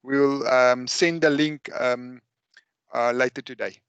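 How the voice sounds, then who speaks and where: A man's voice: mid-range voice, steady tone, a little slow, fairly bright tone, clean tone, dry recording, muffled recording. A man with a South African accent hosting an online webinar over a video call, talking with many fillers and restarts. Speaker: webinar host.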